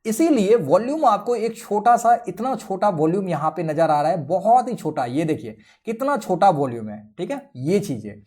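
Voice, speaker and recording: Man, trading teacher, screen-share tutorial, step-by-step explaining, frequent check-ins, animated sing-song delivery. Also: high-pitched, moderate pace, few pauses. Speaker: trading educator.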